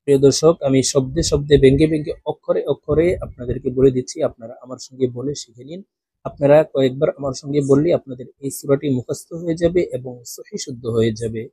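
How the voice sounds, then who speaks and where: A man teaching Quran recitation, who chants the verses slowly and melodically and explains the rules between them. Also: medium pitch, dark tone, slightly rough, no echo. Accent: Bangladeshi Bengali.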